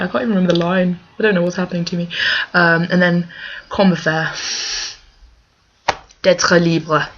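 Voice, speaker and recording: A young woman chatting casually as a fan answering questions, gushing and emphatic, with halting digressions. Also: sits low, a bit bright. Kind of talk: casual chat to camera. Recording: dull lo-fi microphone.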